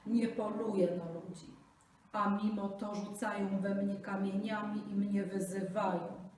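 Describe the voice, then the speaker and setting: A woman's voice: medium pitch, fairly even intonation, measured pace, a little mellow, close to an everyday voice. A woman reading a sullen, resentful crocodile. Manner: sighing, resentful. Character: sullen male crocodile lying in mud. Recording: echoey room, distant mic, faint noise.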